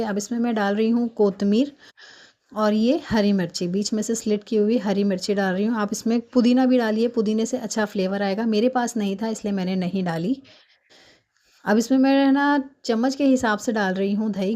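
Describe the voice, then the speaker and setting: A woman doing a hurried, chatty cooking voice-over while fasting, explaining each step at home. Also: medium pitch, warm tone. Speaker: home cook vlogger.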